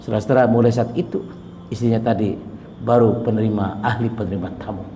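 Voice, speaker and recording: A middle-aged man preaching a Friday sermon, telling a story and acting out the voices in it, swinging from loud to hushed. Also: on the low side, steady tone, fast talker, a little hiss or hum. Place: mosque. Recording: echoey hall with long reverb, faint ambience.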